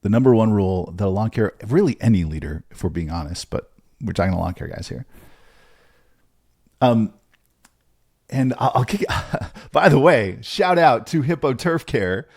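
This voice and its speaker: Deep-voiced, chatty male podcast host. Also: moderate pace, long pauses, slightly rough, dry recording, clean studio sound. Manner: energetic, chatty, laughs often, calls listeners "man". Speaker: podcast host and business coach. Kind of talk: casual podcast monologue.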